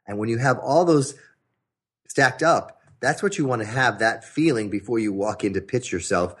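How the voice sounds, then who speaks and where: A man speaking as a guest on an interview show, coaching entrepreneurs on pitching through energetic, emphatic storytelling. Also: normal speed, breathy edge.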